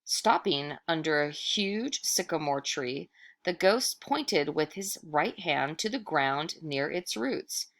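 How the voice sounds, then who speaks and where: Slow and unhurried, a woman reads aloud in a low, creaky voice. The storytelling is aimed at kids, dramatic and expressive, with some words elongated for effect.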